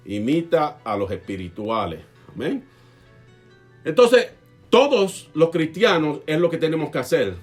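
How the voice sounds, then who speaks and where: Emphatic male preacher with a high voice. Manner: emphatic, swings between loud and soft; asks the congregation rhetorical questions. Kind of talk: sermon.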